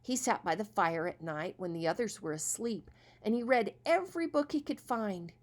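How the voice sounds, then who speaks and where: A woman reading a children's story aloud as storyteller, expressive and asking the young listeners questions. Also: mid-range voice, moderate pace.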